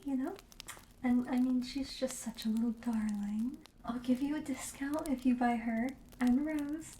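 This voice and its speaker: In an ASMR roleplay, a woman plays a friendly, slightly morbid witch shopkeeper, gently coaxing a customer toward her curiosities with sales patter full of casual hesitations. Her high, mellow, breathy voice moves slowly and softly, often slipping into a whisper, with a sweetly coaxing mood. The room sounds echoey, with a little hiss or hum.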